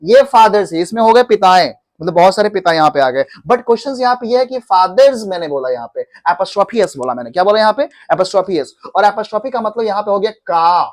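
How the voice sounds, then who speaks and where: A man's voice: high voice, animated, fast, few pauses. A man with an Indian accent teaching an English class, mixing Hindi with English and having students repeat after him. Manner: asks questions and has the class repeat; mixes Hindi with English phrases. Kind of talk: classroom lesson.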